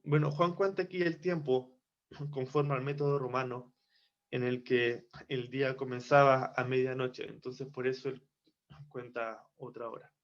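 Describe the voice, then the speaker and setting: A man's voice: medium pitch, steady tone. A man giving a devotional Bible teaching from Chile, reflective and repeating phrases for emphasis. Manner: slow, reflective, with restarts and emphatic repetition. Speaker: preacher. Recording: dull lo-fi recording.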